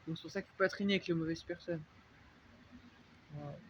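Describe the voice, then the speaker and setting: French guy vlogging, kinda high voice, rambly, lots of euh and bah, muffled phone audio. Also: fairly even intonation, brisk, background noise. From France. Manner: rambling, full of fillers and restarts. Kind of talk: casual rambling vlog. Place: dark unlit spot, vehicle noise around.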